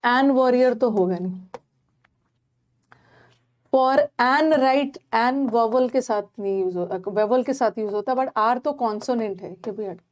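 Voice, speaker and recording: A woman's voice: on the high side, normal speed, hardly any pauses, a little mellow. A woman teaching English grammar in an online exam-prep lesson. She speaks with an Indian English accent, explains step by step in a mix of Hindi and English, and repeats her points to check the class is following.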